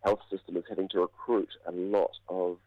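A New man with a low voice, croaky from a cold, explains politics in a radio interview. He is measured and halting, picking through his points. The audio is dry and somewhat dull. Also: flat delivery, dry recording. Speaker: political commentator, university academic. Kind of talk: spoken analysis in a radio interview.

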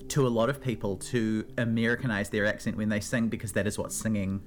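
A woman's voice: extremely low pitch, flat delivery, fast talker, faint music behind. A woman with a New Zealand accent, a regular guest on a radio segment about words, chatting casually with many fillers and restarts.

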